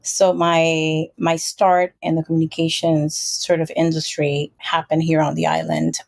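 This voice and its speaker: A woman from Puerto Rico, a marketing executive guest, telling stories in a chatty, relaxed interview. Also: low-pitched, unhurried, gravelly, no echo. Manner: chatty, storytelling, frequent fillers. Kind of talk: casual interview.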